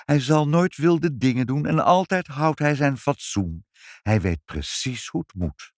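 A man's voice: animated, a little slow, no room sound, studio quality. A man voicing a proud, pompous mayor's wife in a children's storybook, with a gushing, prim manner. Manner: gushing, boastful, high and prim.

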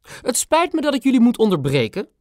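A man's voice: very high voice, wildly swooping pitch, fairly quick, no room sound, studio quality, pitched above the performer's own voice, full character voice. A man voicing a stern elderly queen, clipped. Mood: stately. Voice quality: staccato. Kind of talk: audiobook character voice.

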